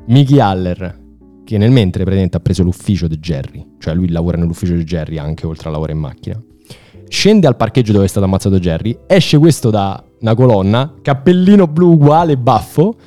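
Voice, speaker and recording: A man's voice: on the low side, warm tone. A man telling a story to friends in an emphatic, informal way, acting out dialogue and repeating words. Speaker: podcast host recounting a TV series.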